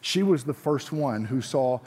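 In a hall with long, echoing reverb, a guest missionary from Georgia in the United States delivers a sermon with scripture readings to students. His Southern-accented voice is mid-range and darkish, animated yet measured, earnest, encouraging and plain-spoken.

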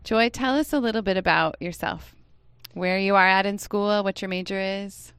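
Lively woman hosting a radio hour. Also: mid-range voice, moderate pace, clear, resonant tone, no room sound. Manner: lively and chatty, laughs often. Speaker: radio show host. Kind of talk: casual campus radio chat. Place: radio studio.

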